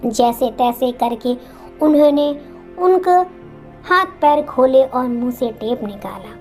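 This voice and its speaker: A woman tells an emotional moral story in a slow, dramatic manner. Her voice sits a little high. Faint music plays underneath. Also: a little mellow.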